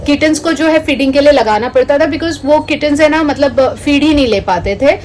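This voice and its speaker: High-voiced woman vlogging casually. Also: fairly quick, darkish tone, a little hiss or hum. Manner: chatty, addresses viewers as guys, mixes English into Hindi. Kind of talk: casual vlog chat to viewers.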